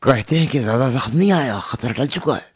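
A man's voice: medium pitch, expressive, fairly quick, slightly rough, dry recording. An actor playing an anxious middle-aged father in a dubbed historical drama, worried and pleading.

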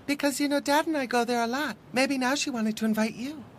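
A chatty, eager young woman with a high voice, dubbed by an actress. She talks quickly and brightly. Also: slight background noise, lightly acted. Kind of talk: dubbed drama.

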